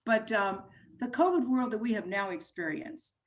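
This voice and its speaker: A woman's voice: mid-range voice, expressive, normal speed. Guest voice-over coach, woman, easygoing and loose, talking over a video call. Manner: easygoing, loose trailing phrases. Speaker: voice-over artist and teacher, guest. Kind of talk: casual interview chat.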